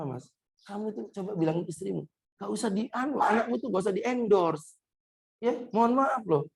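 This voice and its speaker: A man's voice: high voice, vocal fry, a little mellow, husky. A middle-aged man delivering a humorous Ramadan sermon in a mosque, addressing listeners directly and quoting Arabic scripture. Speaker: preacher.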